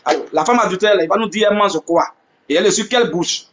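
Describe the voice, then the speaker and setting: A man's voice: high-pitched, quick pace, a bit bright, muffled recording. A man hosts a live religious debate, asking rhetorical questions and repeating "hein". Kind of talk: live stream preaching to followers.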